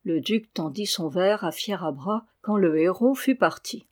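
A reader narrating a classic historical novel in a steady, measured audiobook style. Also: medium pitch.

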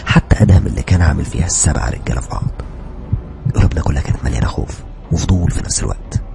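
A man with an Egyptian accent telling a horror story dramatically, moving between hushed whispers and loud, urgent lines. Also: rumbling low, expressive, rapid-fire, creaky. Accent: Egyptian Arabic. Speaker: narrator. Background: background music.

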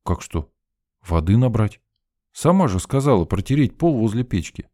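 A man's voice: on the low side, big pitch swings, normal speed, warm tone, no room sound, voice pushed up. A male reader voicing a young male student who teases in a mock-serious way, close to his own voice. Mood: teasing. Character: joking young male student, teasing and sly.

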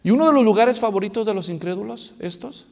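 A man preaching a sermon to his congregation, acting out Bible scenes and swinging between soft, low asides and loud, excited lines. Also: quick pace, creaky, long reverb tail. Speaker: pastor. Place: church hall.

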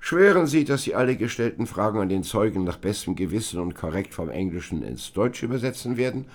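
A stern committee chairman speaks in a deep, low voice that rises and falls widely. He talks formally and emphatically, officious and in full command of the room. The setting is a radio play of a hearing. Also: sing-song, brisk.

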